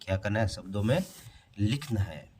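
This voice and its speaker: A man's voice: lowish voice, expressive, moderate pace, darkish tone, a little hiss or hum. A man explaining a primary-school math lesson step by step, posing questions and answering them himself. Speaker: math teacher. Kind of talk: classroom-style math lesson explaining on a board.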